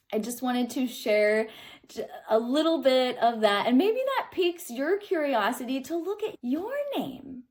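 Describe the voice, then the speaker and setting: Slightly high-pitched and darkish in tone, a thirty-something American spiritual speaker and host from Kansas City shares a casual reflection. She is earnest, stresses her points, and repeatedly checks in with the listener.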